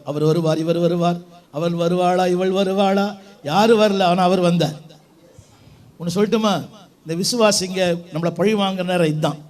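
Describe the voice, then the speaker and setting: A man's voice: high voice, darkish tone. A man with a Tamil accent preaching as a pastor, urging the congregation to repeat words after him and mixing English phrases into his preaching. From South India. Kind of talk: call-and-response sermon. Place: church hall with a congregation.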